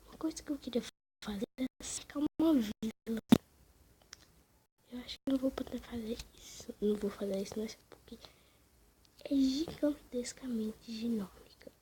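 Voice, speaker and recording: A woman's voice: fairly high pitch, moderate pace, slight background noise, rough recording. A woman with a Brazilian accent whispering casual gameplay commentary at home at night while her family sleeps. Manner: whispering throughout, hushed and casual. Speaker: gaming channel host.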